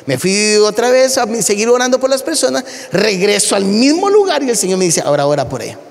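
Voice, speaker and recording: A man preaches from the pulpit, his voice high and gravelly with rough fry at the edges. He tells his stories with lots of animation and keeps addressing the congregation as brother. The sound carries a long reverb tail from a large church hall. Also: expressive, a little fast. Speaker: pastor. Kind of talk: sermon.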